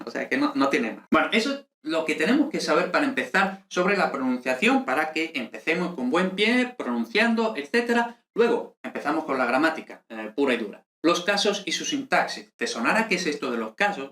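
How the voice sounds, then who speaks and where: A Latin teacher talks his students through the basics in a quick, chatty way. His voice sits a little high for a man. The sound is roomy and echoey. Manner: lively and conversational, with many fillers and tag questions. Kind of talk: online lesson explaining over slides.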